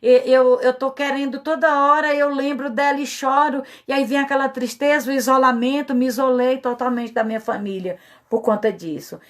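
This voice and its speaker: A woman's voice: high-pitched, steady tone, moderate pace. A middle-aged woman pastor with a Brazilian Portuguese accent, giving an earnest, emotional personal testimony. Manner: earnest, confessional, openly emotional.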